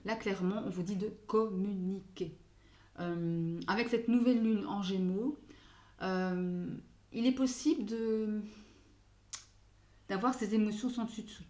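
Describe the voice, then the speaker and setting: Speaking at a measured pace with frequent pauses, a woman with a medium-pitched, dark voice gives an informal tarot reading. She searches hesitantly for words and often slips in English phrases, and the room echoes.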